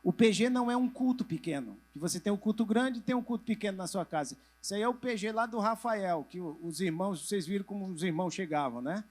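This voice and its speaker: A man's voice: high-pitched, fast, hardly any pauses. A middle-aged male pastor preaching to church leaders, asking the audience questions and answering them himself, sometimes having them raise hands or turn to a neighbor. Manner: drops to a soft voice at moments. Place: church convention hall with a live audience.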